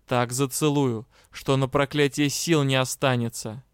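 A man reading an audiobook, voicing a powerful male mage and lord-director who is cold, measured and teasing. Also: mid-range voice, flat delivery, darkish tone, no room sound, studio quality, natural voice. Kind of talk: audiobook character voice.

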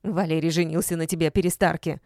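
A woman's voice: low-pitched, fairly even intonation, fast talker, a little mellow, no room sound, studio quality. A woman voicing a spiteful, shrieking old woman, a mother-in-law, in a storybook reading. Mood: shrill, furious. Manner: shrieking, scolding.

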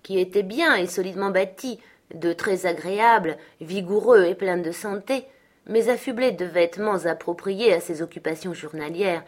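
A woman reads a classic novel aloud for an audiobook, her voice sitting on the low side. She narrates in a steady, measured storytelling style.

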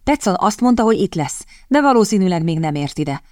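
A woman's voice: mid-range voice, sing-song, darkish tone, no room sound, clean studio sound, natural voice. A woman reading the lines of a flustered young male army captain in an audiobook, in an urgent, agitated way.

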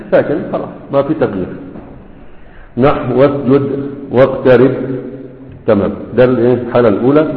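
A man teaching a grammar class as a sheikh. He reads a passage, explains it patiently, and keeps checking that his students follow. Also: mid-range voice. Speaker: sheikh teaching Arabic morphology. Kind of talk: classroom lesson, reading a text and explaining it. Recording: tinny, phone-like sound in a long echoing hall.

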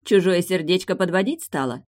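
A woman's voice: on the low side, normal speed, darkish tone, voice pushed up, close to an everyday voice. A woman voicing a bold, mocking captive woman who taunts her captor in an audiobook. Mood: taunting. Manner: taunting, sneering.

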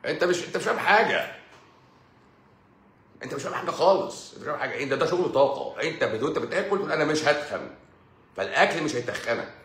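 A man's voice: fairly high pitch, lively intonation, very fast, pauses often, fairly bright tone, echoey room. A man with an Egyptian accent hosting a live stream, ranting in a sarcastic, mocking way and talking straight at the listener. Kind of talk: casual live-stream rant.

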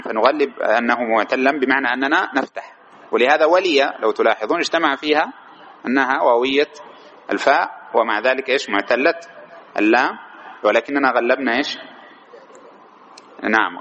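A man's voice: medium pitch, a little fast, bright, forceful tone, highs cut off, slight background noise. A man teaching Arabic grammar to a class. He asks students questions, repeats their answers and stretches key words.

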